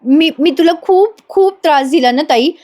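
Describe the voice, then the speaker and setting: A tearful young wife pours out her remorse in a high, pleading voice that keeps breaking, voiced by a woman retelling a TV serial. The lines come in halting bursts, with repeated words as if she is choking up. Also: darkish tone, lightly acted. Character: distraught young wife begging her sister-in-law's forgiveness.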